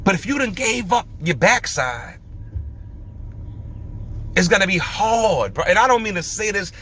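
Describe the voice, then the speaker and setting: A man's voice: high-pitched, a little slow, slight background noise. A man hosting a podcast, telling stories and giving emphatic, slangy opinions in casual commentary. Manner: animated storytelling, emphatic, slangy. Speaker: podcast host.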